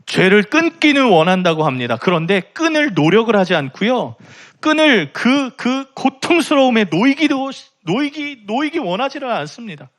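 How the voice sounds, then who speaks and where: High-voiced impassioned young preacher. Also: male voice, sing-song, normal speed, fairly bright tone. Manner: impassioned, rising to emphatic pleading. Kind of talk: sermon. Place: church sanctuary.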